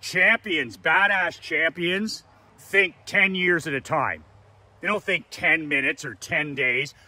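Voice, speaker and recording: Speaking slowly in a slightly high, pushed and bright voice, a man in his 50s gives a motivational talk as a business coach. He's blunt and swears, hammering away at his points through repeated lists.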